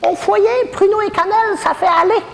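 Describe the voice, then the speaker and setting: Woman playing a gravelly Québécois old lady. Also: very high-pitched, steady tone, normal speed, in a large hall, very noisy. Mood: cheeky. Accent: Québécois French. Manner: saucy, gossipy, self-mocking jokes. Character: cheeky, bawdy old woman living in a retirement home. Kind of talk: stand-up comedy character monologue.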